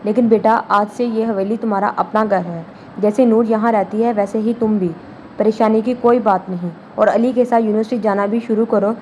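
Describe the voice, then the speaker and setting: A kind old grandfather, head of the household, speaks gently and reassuringly, as a woman narrator reads his lines. The tone is mellow and soft-edged, with a faint hiss behind it. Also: medium pitch, fairly even intonation, lightly acted. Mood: gentle.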